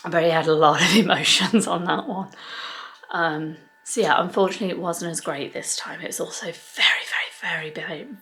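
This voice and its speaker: A woman talks to her viewers in a relaxed, rambling family vlog, full of filler ums. Her voice sits on the low side and carries a gravelly, creaky edge. She sounds like a mum catching her audience up on the day. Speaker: family vlogger and mother. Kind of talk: casual vlog chat to camera. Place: family holiday resort.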